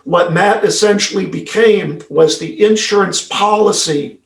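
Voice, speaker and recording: A man's voice: high voice, measured pace, gravelly, far from the mic. Man, keynote speaker, motivational story, dramatic, acts out dialogue, echoey room. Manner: dramatic, acts out quoted dialogue, drops to hushed tones.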